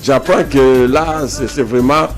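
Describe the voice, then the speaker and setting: A medium-pitched man speaks slowly with faint music behind him. He's a guest from South Kivu with a Congolese French accent in a political interview, making an opinionated argument emphatically and repeating phrases for emphasis.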